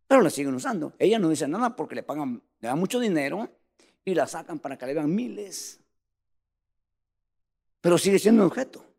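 A man's voice: a little high, vocal fry, darkish tone, breathy edge, long reverb tail. A man preaching a sermon in a fervent, emphatic way, speaking straight to the congregation.

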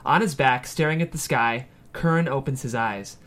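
A man with a medium-pitched, mid-range, slightly bright voice narrates the stage directions at a screenplay table read. At a moderate pace, he reads out the scene headings and action lines as scripted narration.

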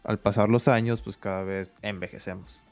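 A young man hosting an interview, relaxed and thinking aloud as he asks questions. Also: on the low side, moderate pace, faint music behind. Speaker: interviewer, host. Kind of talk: casual interview chat.

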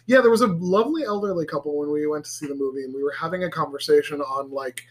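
A man co-hosting a casual podcast chat with friends, animated and profane, rambling through tangents with lots of fillers. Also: fast talker, slight background noise. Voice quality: animated, swears freely, goes high and shrill when laughing. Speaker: podcast co-host. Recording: several people chatting around one mic.

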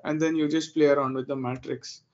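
A man's voice: a little high, little pitch movement, fairly quick, darkish tone, lo-fi sound. A man in his thirties from India with an Indian accent, a guest answering interview questions, hesitant with many fillers.

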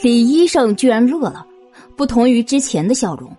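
Expressive, mellow woman narrator. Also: on the high side, normal speed, husky, soft background music. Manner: expressive storytelling. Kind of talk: scripted narration of a suspense audio drama.

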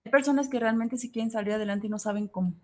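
A woman in casual chat as co-host, speaking in a thoughtful, measured way. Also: a little high, darkish tone.

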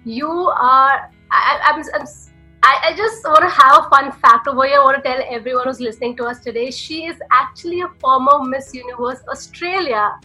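Podcast host lady, high bright voice, gushy eager intro, little music under it. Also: moderate pace, rough recording. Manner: enthusiastic, effusive introductions. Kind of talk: podcast interview.

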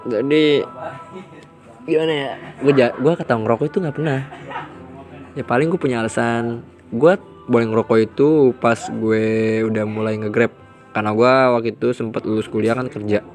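A man's voice: mid-range voice, fairly even intonation, moderate pace, a little mellow, soft background music. A young man, casually telling stories about his past in a rambling, slangy, self-mocking way. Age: young adult. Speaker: vlogger telling his life story. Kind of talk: casual storytelling in Jakarta slang.

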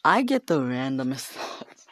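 A man's voice: mid-range voice, big pitch swings, a little slow, a bit bright. A teenage boy with a stutter rambling through a casual solo podcast in his bedroom, full of fillers and self-interruptions. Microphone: home podcast mic.

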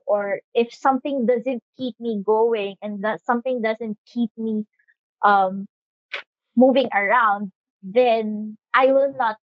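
A woman in her twenties with a Filipino accent, co-hosting a conversational podcast with emphatic, deliberate phrasing. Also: a little high, no echo. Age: 20s. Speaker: podcast co-host. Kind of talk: conversational podcast talk, mixing English and Tagalog. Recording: slightly dull, dry lo-fi audio.

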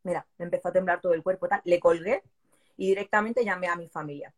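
A woman in her forties from southern Spain, telling an interviewer her personal story with strong feeling and lively quoted voices. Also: on the low side, fast. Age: 40s. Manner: animated, moved, voicing people in her story. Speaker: interviewee, police exam candidate.

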